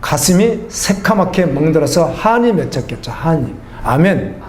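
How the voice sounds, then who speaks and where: A man's voice: fairly high pitch, big pitch swings, normal speed, darkish tone, roomy sound. Middle-aged male pastor, chatty sermon delivery with questions to the flock, slight room hum. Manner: conversational preaching, asks the congregation questions. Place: church.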